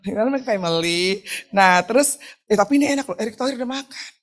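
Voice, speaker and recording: A middle-aged woman pastor from Indonesia preaching a lively, joking sermon with a personal testimony, often asking the crowd to answer back. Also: medium pitch, quick pace. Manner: chatty, joking, asks the crowd for replies; acts out quoted talk in shifting voices. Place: church hall.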